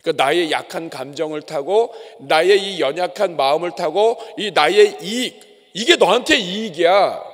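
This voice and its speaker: A man preaching a sermon as pastor, emphatic and conversational, addressing his congregation. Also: on the high side. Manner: emphatic preaching with acted asides. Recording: long hall reverb.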